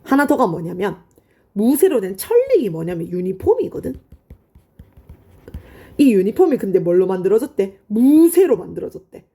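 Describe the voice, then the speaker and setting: A woman teaching high school literature in an online lecture, explaining in a friendly, chatty way and answering her own questions. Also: big pitch swings, normal speed, gravelly, pauses often, warm tone, slightly rough. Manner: asks students questions and answers them herself.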